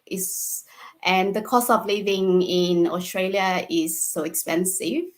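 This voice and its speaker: A Vietnamese-born woman in her forties speaks as a guest in a casual interview, her first language Vietnamese. She takes her time, her phrasing simple and dotted with fillers and soft laughs. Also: mid-range voice, slow.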